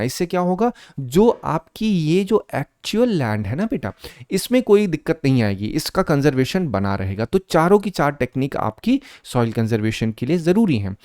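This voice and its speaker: Clear-voiced man teaching a lesson. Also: a little high, dark tone, dry recording, clean studio sound. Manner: explains step by step, quizzes students with questions; mixes Hindi with English terms, reads English exam questions slowly. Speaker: exam prep teacher. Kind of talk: lecture.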